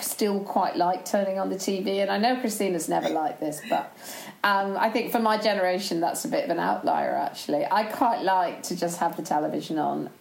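A woman's voice: lowish voice, vocal fry, a little mellow, reverberant, rough recording. A woman co-hosting a casual chat, rambling and chatty and laughing often. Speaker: podcast co-host.

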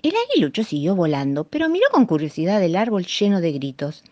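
A woman reading a children's folk tale aloud with an expressive delivery. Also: lowish voice, a little fast, muffled recording. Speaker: storyteller. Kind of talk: scripted storytelling for children.

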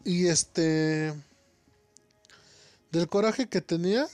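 A man's voice: sits high, extremely slow, a little mellow, no room sound, soft background music. A young man with a Mexican accent, telling a story in casual chat, slangy and laughing often. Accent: Mexican Spanish. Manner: slangy, laughing, peppers talk with "güey".

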